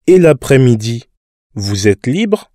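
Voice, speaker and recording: Actor as a friendly man in a park, slow, warm and mellow voice, dry studio sound. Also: mid-range voice, sing-song, no room sound. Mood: polite. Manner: slow, polite questioning. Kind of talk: scripted language-lesson dialogue.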